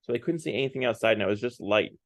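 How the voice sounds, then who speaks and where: A man leading a parish Lent series gives a casual talk about a book, speaking rapid-fire in a medium-pitched voice on a dry recording. He keeps it conversational, often checking in with "right?" and "like."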